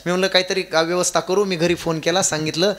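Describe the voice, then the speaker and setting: A man preaching a devotional kirtan sermon, telling stories and swinging between loud chanting and soft chuckling asides. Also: sits high, level tone, fast. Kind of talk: Marathi kirtan sermon with storytelling.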